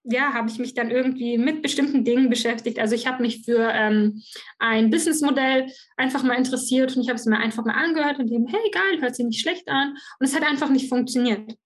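A young woman, appearing as a podcast guest, recounts her personal story frankly and emotionally in an interview conversation, often restarting her sentences. Her voice is a little high, fast and fairly even in intonation.

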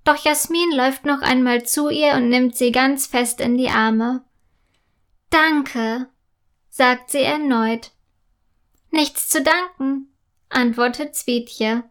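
A woman narrating a children's story in a calm, clear and gently expressive way. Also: sits high, unhurried, hardly any pauses.

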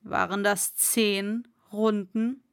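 A woman voicing a harsh, domineering male castle lord in a read-aloud story, speaking slowly. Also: mid-range voice, little pitch movement, vocal fry, clear, resonant tone. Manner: domineering, scolding.

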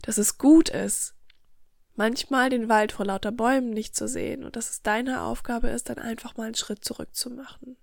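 A woman's voice: a little high, level tone, brisk, vocal fry, hardly any pauses, no room sound, studio quality. A woman hosting a motivational self-help podcast, speaking earnestly and directly to the listener. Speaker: podcast host. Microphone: studio microphone.

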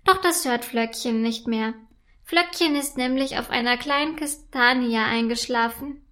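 A woman narrating a children's story in a gentle, even storytelling manner. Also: on the high side, measured pace.

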